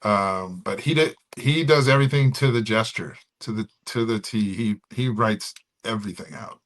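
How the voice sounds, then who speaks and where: In a casual podcast conversation, a man with a lowish, slightly bright voice talks at a moderate pace. He rambles with many fillers and restarts, slipping into comic voices now and then.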